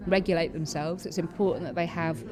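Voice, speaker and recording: Speaking a little fast with a steady, lowish tone, a theatre-maker and panellist answers interview questions conversationally. Her vocal tics occasionally interject stray words, and the busy venue around her hums with crowd chatter.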